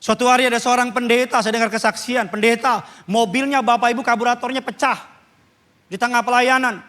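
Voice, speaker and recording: A man preaching a sermon as pastor, swinging from low murmurs to loud calls and asking the congregation to respond. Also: fairly even intonation, fairly quick. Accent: Indonesian. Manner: asks congregation to respond and turn to neighbours.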